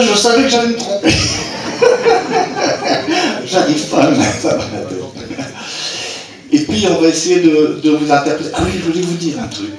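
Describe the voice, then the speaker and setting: Speaking in a lowish voice, an older man from Brittany, France, addresses a live audience at a local fête as president of a rural club. His talk is casual and halting, with many restarts and chuckles at his own jokes. The recording, made in a community hall during the festival, is echoey and picks him up from a distance.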